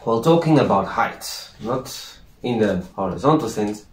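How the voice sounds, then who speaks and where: A young man talks casually with his sister, often hesitating and restarting. His voice sits a little low for a man. The room gives the sound a noticeable echo. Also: expressive, unhurried. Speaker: guest, host's brother. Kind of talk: casual chat.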